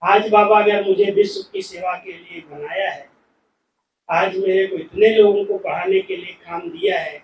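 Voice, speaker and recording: A man's voice: sits high, steady tone, a little slow, a little hiss or hum. A man giving a devotional class talk, telling stories and acting out quoted dialogue, from India. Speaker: spiritual speaker. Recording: echoey hall, voice from a distance.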